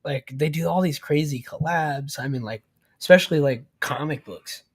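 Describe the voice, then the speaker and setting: A man's voice: on the high side, normal speed, husky, no echo. A man in casual podcast chat, telling stories with lots of fillers and frequent laughter, close to the mic. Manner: laughs often, loose storytelling with many fillers. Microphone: close studio mic.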